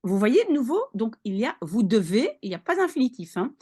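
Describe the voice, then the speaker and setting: A woman teaching vocabulary in an online lesson. She explains patiently, reads each phrase slowly, translates it, and often checks in with "d'accord?". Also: a little high, big pitch swings, darkish tone, husky. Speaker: language teacher.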